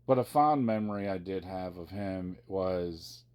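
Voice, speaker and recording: A man's voice: deep voice, unhurried, darkish tone. A man telling personal stories to viewers in a casual, rambling, conversational way, like a vlogger sharing memories.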